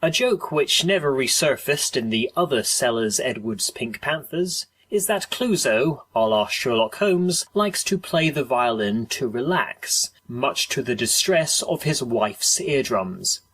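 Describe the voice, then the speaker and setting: A man's voice: mid-range voice, expressive, unhurried, few pauses, a bit bright, husky. A man reading scripted documentary narration as the narrator.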